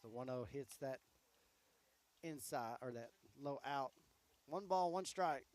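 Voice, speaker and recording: A man calling high school softball play-by-play, easygoing and chatty between pitches, his voice going hoarse. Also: measured pace. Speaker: play-by-play announcer.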